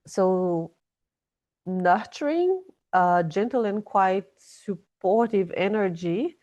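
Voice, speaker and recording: A woman based in Dubai gives a weekly astrology forecast unscripted, in an animated, slightly mellow, medium-pitched voice at a slow pace. She sounds hesitant and a bit breathless, repeating and restarting words and using fillers like "you know" and "yeah?". The recording is dry and muffled.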